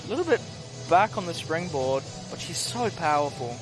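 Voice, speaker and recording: Easygoing young man, slightly high voice. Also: very animated, normal speed. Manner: easygoing, upbeat. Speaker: diver, co-commentator. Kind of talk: live sports commentary. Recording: music behind commentary.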